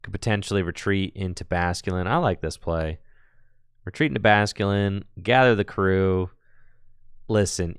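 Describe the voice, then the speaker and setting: A man's voice: sits low, clear, resonant tone, no echo, studio quality. A man giving casual play-by-play commentary on a card game tournament, chatty and thinking aloud as he goes.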